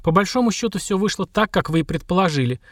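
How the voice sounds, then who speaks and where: Man voicing a wry young woman agent, raised pitch, sardonic, audiobook. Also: expressive, quick pace, dry recording. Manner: dry, sardonic, matter-of-fact.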